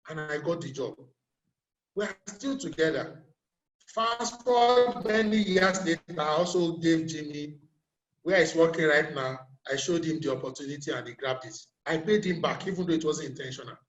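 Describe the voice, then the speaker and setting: In an echoey room with poor audio, a middle-aged Nigerian man gives a career talk as a motivational speaker. His pitch is fairly high, and he tells stories and poses rhetorical questions to his audience.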